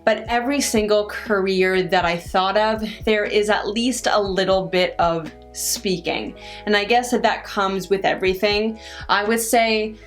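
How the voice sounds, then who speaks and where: A young woman answers viewer questions in a casual chat, speaking haltingly, stuttering on first sounds, pausing, and often restarting her sentences. Her mid-range voice keeps a steady tone, with faint guitar music underneath.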